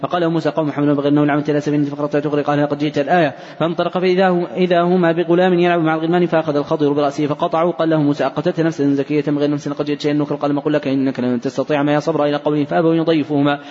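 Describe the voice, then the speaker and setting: Fast, flat-voiced man reading aloud. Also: on the high side. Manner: fast, even, unbroken reading with brief slips. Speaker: hadith reader. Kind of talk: rapid recitation of hadith text. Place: large mosque hall. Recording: dull recording in a reverberant hall.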